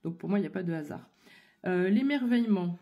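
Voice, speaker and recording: A woman's voice: low voice, steady tone, rapid-fire, vocal fry, breathy edge, lo-fi sound. A woman giving a casual tarot reading, talking straight to the listener with lots of fillers and restarts, her voice still not fully back after an illness. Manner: hesitant, many fillers and restarts, addresses listener directly. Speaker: tarot card reader.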